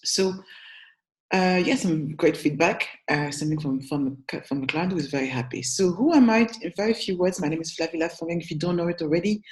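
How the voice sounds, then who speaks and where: A young French woman with a French accent, a brand strategist and agency founder, gives chatty, upbeat business advice straight to camera in a talking-head video, often correcting herself and checking in with viewers. Her voice is fairly low with a darkish tone, and she talks a little fast.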